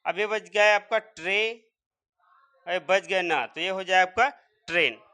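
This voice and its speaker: A man's voice: sits high, measured pace, sharp tone, smooth. A man teaching English pronunciation step by step, repeatedly quizzing his viewers. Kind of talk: spoken English lesson.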